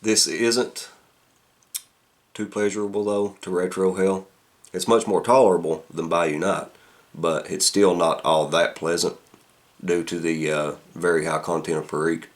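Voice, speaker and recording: Very deep-voiced man, halting and casual. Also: steady tone. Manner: halting, thinking aloud. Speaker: pipe tobacco reviewer. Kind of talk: casual product review.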